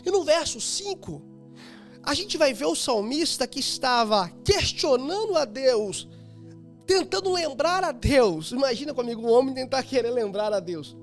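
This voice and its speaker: A man delivers a sermon in a notably high voice, repeating his phrases for emphasis. At times he sinks into a soft, hushed tone. Faint music plays behind him. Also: animated, moderate pace. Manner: repetitive, emphatic preaching with soft hushed stretches. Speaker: preacher.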